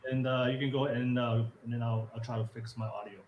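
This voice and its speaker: A man's voice: mid-range voice, fairly even intonation, reverberant, a little hiss or hum. Muffled man talking as if through a wall. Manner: halting, with frequent "uh" fillers. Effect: muffled and quiet, as if heard through a wall. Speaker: podcast host. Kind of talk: casual live stream chat.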